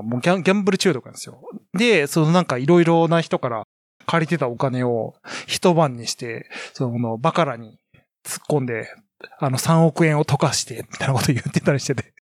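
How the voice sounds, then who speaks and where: A man's voice: a little high, lively intonation, fairly quick, no room sound, studio quality. A man co-hosting a casual podcast chat, rambling on with many fillers and restarts. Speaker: podcast co-host.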